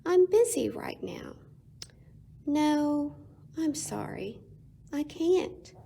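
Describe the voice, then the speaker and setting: A woman's voice: high voice, lively intonation, extremely slow, gravelly, mellow, a little hiss or hum, heavily acted. A woman voicing a timid, stubborn young male koala for a storybook, hesitant, polite and anxious. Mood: nervous, apologetic.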